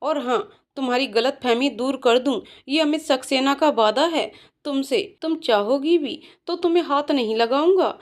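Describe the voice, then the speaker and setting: A woman's voice: sits high, normal speed, hardly any pauses, lightly acted. A woman voicing an angry young husband who is also a protective uncle, speaking in stern, clipped lines.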